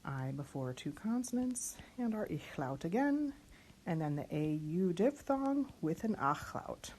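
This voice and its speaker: A woman teaching lyric diction, slowly spelling out letters and sounds one by one. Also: fairly low pitch, big pitch swings, darkish tone, a little hiss or hum. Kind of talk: online diction lesson.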